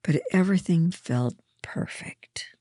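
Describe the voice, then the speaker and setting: A woman reading a first-person story aloud in a gentle, measured way. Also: lowish voice, breathy edge, no room sound, whispered, studio quality. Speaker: narrator.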